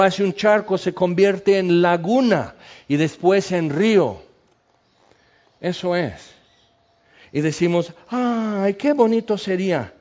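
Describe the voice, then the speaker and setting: High-voiced preacher, dull sound. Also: male voice. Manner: animated storytelling with sound effects, dropping to hushed tones. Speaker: pastor. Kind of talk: sermon.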